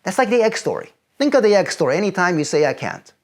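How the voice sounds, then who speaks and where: A rabbi giving advice with a gravelly edge to his voice. His pitch swings widely as he repeats phrases for emphasis. He climbs to loud, insistent peaks. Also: sing-song, fast. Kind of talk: advice talk to teenagers.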